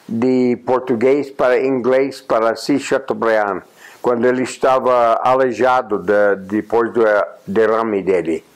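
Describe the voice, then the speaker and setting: In a plain room indoors, an eighty-something American journalist and honorary consul, a native English speaker, reflects on his life in an interview. He speaks slowly at a medium pitch, with frequent "ah" pauses and restarts, and the audio quality is poor.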